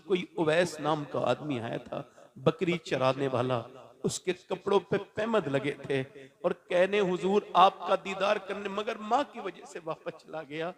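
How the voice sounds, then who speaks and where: A man preaching a sermon to a gathering, moving from hushed storytelling to shouted exhortation and chanting verses in a slow singing voice. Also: high voice. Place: gathering with a crowd.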